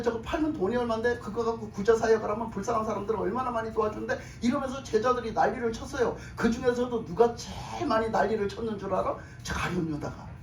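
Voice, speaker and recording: Woman pastor preaching in an echoey hall. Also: mid-range voice. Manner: emphatic, rising to shouts, rhetorical questions. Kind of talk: sermon. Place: church sanctuary. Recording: echoey hall, mic from a distance, faint room noise.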